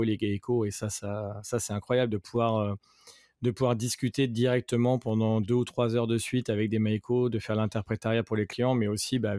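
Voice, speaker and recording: A man with a fairly low voice chats casually in an interview, recounting stories from his work as a guide. He talks loosely, full of "euh" and restarts. The sound is dry and close to the mic. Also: mellow, no echo. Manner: chatty anecdotes with many fillers and restarts. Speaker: private tour guide and travel agency manager.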